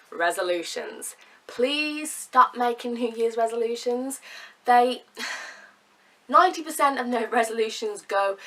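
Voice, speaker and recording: In her casual, talk-to-camera vlog, a young woman fighting a cold sounds nasal, her voice a little high and a bit bright. She's earnest and chatty, sprinkling in fillers and laughter, and she's far from the mic.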